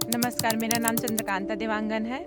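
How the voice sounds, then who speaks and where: A woman from a district in central India, calmly explaining her situation as a resident in a vox-pop testimonial. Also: a little high, fairly quick. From Durg district, Chhattisgarh, India. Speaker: resident interviewee. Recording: music bed under the voice.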